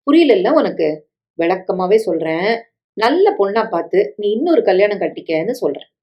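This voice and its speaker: A woman's voice: mid-range voice, sing-song, normal speed, muffled recording, lightly acted. A woman voicing a scheming middle-aged stepmother who coaxes, pleads and guilt-trips, in a story reading with dialogue. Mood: coaxing. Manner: coaxing, pleading, guilt-tripping.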